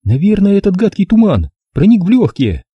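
A man's voice: high-pitched, wildly swooping pitch, a little fast, breathy edge, no echo, lo-fi sound, voice pushed up, full character voice. A man doing a fretful nagging mother. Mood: fretting. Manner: smothering, nagging. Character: fussy anxious middle-aged mother. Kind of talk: audiobook character voice.

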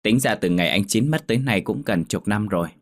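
A man's voice: lowish voice, animated, brisk. A man voicing a friendly, polite middle-aged visitor. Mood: cordial. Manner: cordial, polite.

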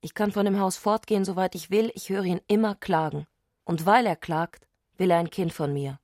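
A woman's voice: lowish voice, fairly even intonation, moderate pace, darkish tone, no room sound, clean studio sound, close to an everyday voice. A woman playing an exalted, intense young woman with visionary zeal in a radio play, speaking fervently. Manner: fervent and urgent.

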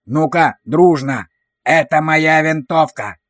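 A man's voice: on the high side, takes it slowly, no room sound, clean studio sound. A man playing a harsh, barking drill sergeant. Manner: barking orders and insults.

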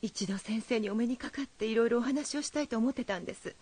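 A woman's voice: fairly high pitch, fast talker, darkish tone, close to an everyday voice. A woman playing an anxious, proper mother. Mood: worried. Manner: polite, formal speech turning insistent. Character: anxious, proper mother fretting over her son. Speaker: worried mother.

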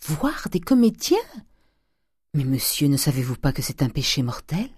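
A woman's voice: extremely low pitch, steady tone, fairly quick, slightly rough, no room sound, studio quality, heavily acted. A woman reading an audiobook, voicing a pious, timid middle-aged provincial mother who speaks primly.

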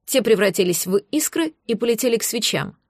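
A woman's voice: a little high, animated, brisk, no echo, clean studio sound. Woman reading a fantasy novel. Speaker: audiobook reader. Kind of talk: first-person narration of a fantasy novel.

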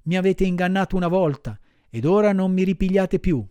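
A man voicing an earnest, kind wooden puppet boy who talks in a lively way. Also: high-pitched, fairly quick, clear, resonant tone, no room sound, pitched above the performer's own voice, lightly acted. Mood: scolding.

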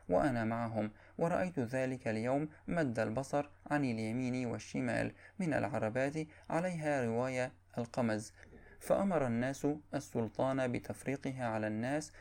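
A man narrates a classical historical text at an even, measured pace. His voice sits at a middle pitch with a gravelly, creaky edge, and his diction stays formal throughout.

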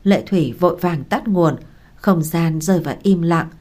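A woman narrating a story in a steady, even reading style. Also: lowish voice, normal speed.

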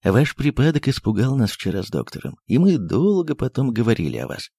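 A man voicing a fussy, sentimental elderly postmaster who speaks low and coaxingly, dropping into whispers. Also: huge pitch swings, fairly quick, gravelly, mellow, husky, no echo, clean studio sound, heavily acted. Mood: coaxing tender.

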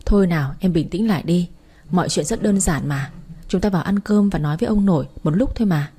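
Reassuring young man in an audio story, voiced by a woman, gentle coaxing, low mellow voice. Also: quick pace, slightly rough. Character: reassuring young man, calm and confident boyfriend.

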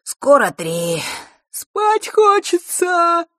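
A woman's voice: medium pitch, animated, normal speed, husky, no echo, studio quality. Woman doing a drawling lazy camp boy. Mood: grumbling. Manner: drawling, grumbling.

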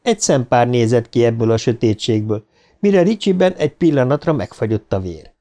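A man narrating a novel as an audiobook reader, in an even storytelling manner. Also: mid-range voice.

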